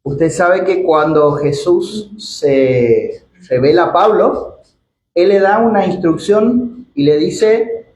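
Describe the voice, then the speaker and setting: A high-pitched man with an Argentine accent preaches in an echoey church hall. He reads scripture slowly, stretching out the quoted words, then slips into casual explanation full of restarts and rhetorical questions. A faint hiss of background noise runs under him. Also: darkish tone. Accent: Argentine Spanish. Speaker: pastor. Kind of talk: sermon.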